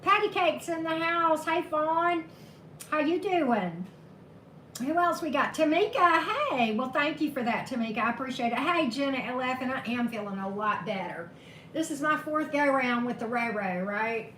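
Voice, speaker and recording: This woman hosts a tarot live stream, welcoming each viewer by name in a casual, talkative manner and chuckling at her own corny humor. Her voice is high and a little hoarse, and she talks at a normal pace. Steady background noise and a roomy echo fill the recording.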